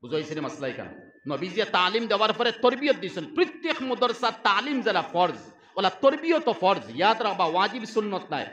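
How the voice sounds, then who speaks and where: A man's voice: high-pitched, brisk, roomy sound, dull audio. A man with a Sylheti Bengali accent preaching a sermon, telling stories and acting out the voices in them. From Barak Valley, Assam. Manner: animated storytelling, acting out voices in quoted exchanges.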